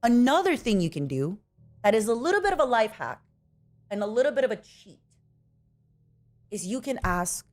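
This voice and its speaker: A young woman streaming, blunt and a little abrasive, handing out plain-spoken life advice. Her pitch swings widely from line to line as she talks straight to her listeners. Soft music plays faintly underneath. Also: sing-song, moderate pace, long pauses. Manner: direct, calls listeners "baby". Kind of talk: casual advice talk on a livestream.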